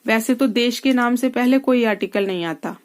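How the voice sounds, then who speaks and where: A woman's voice: a little high, normal speed. A woman English teacher explaining grammar rules step by step, asking her students questions as she writes on a board. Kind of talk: classroom grammar lesson.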